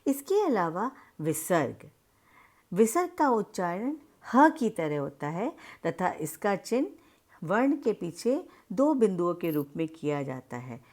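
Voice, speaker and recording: A woman teaches a grammar lesson at an unhurried pace, pitched a little low. She speaks straight to her students, explaining step by step and stretching out each vowel as she demonstrates it. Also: big pitch swings, darkish tone. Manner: slow, drawn-out demonstration of vowel sounds. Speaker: school Hindi teacher.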